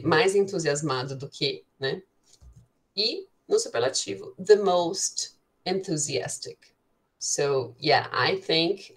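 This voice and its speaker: A woman teacher with a Brazilian Portuguese accent explaining English grammar in an online class, reading English examples slowly and often checking in with "né". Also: low-pitched, vocal fry. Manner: switches between Portuguese and slow, carefully spoken English examples; frequent filler "né" checking with students.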